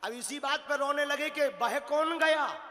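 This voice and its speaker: A male preacher giving a devotional sermon, telling a story with animated delivery and bursts of shouted emphasis. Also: very high-pitched, unhurried. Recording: long hall reverb with faint music.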